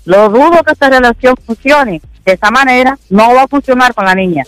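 A man's voice: very high voice, a little fast, a bit bright, clean tone, no room sound, faint music behind, poor audio. A man calling in to a radio show, blunt and disapproving. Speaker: caller. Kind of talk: phoned-in radio comment.

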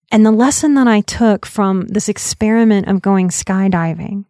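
A woman in her late thirties, a podcast host and life coach, telling a personal story in an earnest, reflective way and slowing down for emphasis. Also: a little high, darkish tone, no echo, studio quality. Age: 30s.

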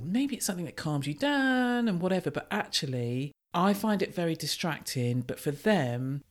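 A British podcast host with a loud, carrying voice, chatting alone into the mic in a casual monologue. The delivery is blunt and self-mocking, mid-pitched and conversational. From United Kingdom.

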